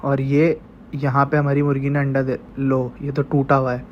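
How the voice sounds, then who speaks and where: A man's voice: medium pitch, monotone, normal speed, muffled recording, slight background noise. A man with a stuffy, congested voice narrates a casual vlog while feeding his goats and chickens, coaxing the animals as he goes. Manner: chatty, coaxing the animals directly. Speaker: vlogger raising goats and chickens at home.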